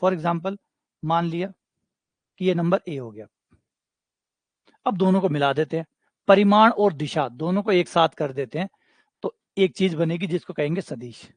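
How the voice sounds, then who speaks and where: A man's voice: fairly high pitch, unhurried, pauses often, no room sound. A man with a Rajasthani accent teaching a maths coaching class, chatty and joking, slipping into local dialect. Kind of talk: online exam coaching class.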